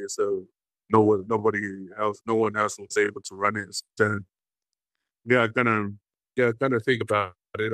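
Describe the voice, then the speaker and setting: A Tongan man in his forties, a former sumo wrestler, answering interview questions in a halting way with many fillers and restarts. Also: on the low side, a bit bright, no echo, rough recording. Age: 40s.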